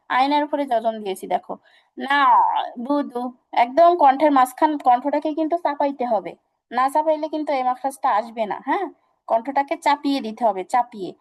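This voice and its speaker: A woman's voice: sits high, a little mellow. A woman teaching an online recitation class, patient and repetitive, asking her students questions. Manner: patient, repeats examples slowly, asks students questions.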